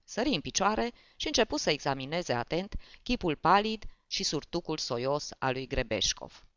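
An audiobook narrator reading a story aloud in an expressive way. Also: mid-range voice, no room sound. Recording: dull, dry.

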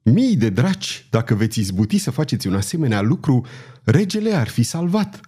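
A man's voice: mid-range voice, big pitch swings, dark tone, slightly rough. A man reading the part of a blunt, hot-tempered army captain who swears emphatically. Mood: eager.

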